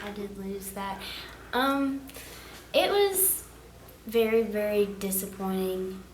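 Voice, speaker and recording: Earnest, soft-spoken teen girl athlete, roomy echo. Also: mid-range voice, slow. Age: teens. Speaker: graduating student, softball player.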